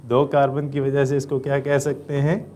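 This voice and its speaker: A man with a Pakistani Urdu accent teaching a chemistry lesson, explaining step by step and answering his own questions, with frequent "uh" pauses. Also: medium pitch, monotone, darkish tone. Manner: often says "uh". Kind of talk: classroom lecture.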